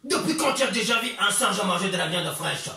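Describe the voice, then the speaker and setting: A man voicing a timid, anxious male monkey husband in a children's tale, pleading quickly and fretfully. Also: high voice, expressive, gravelly, sharp tone, pitched below the performer's own voice, full character voice. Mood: protesting. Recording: echoey room from far off.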